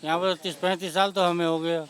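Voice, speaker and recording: A man's voice: sits high, level tone, fast talker. A man, a local resident and priest, speaking to a reporter outdoors about losing his home, with a resigned and bitter indignant manner. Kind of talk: street interview. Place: outdoors at a demolition site.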